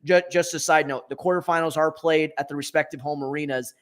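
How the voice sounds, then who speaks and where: Chatty higher-voiced man talking hoops. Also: steady tone, a little fast, a bit bright. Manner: thinks aloud, self-correcting. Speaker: co-host. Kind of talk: casual sports talk.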